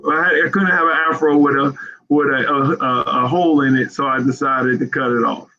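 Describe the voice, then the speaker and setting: A man's voice: medium pitch, fairly even intonation, pushed and bright. Earnest man in his fifties on a muffled line. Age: 50s. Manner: earnest, halting with repeated words. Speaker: author as guest. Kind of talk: interview answers.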